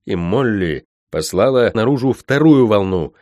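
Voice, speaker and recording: A man reading an audiobook aloud in expressive, dramatic scripted narration. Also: lowish voice, unhurried, no room sound, clean studio sound. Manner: dramatic, varied delivery. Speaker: audiobook reader.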